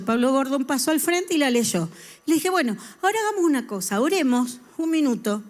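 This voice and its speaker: A middle-aged woman, preaching a sermon and asking the congregation questions. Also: high voice. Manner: lively, talks with the congregation and asks them questions. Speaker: church speaker.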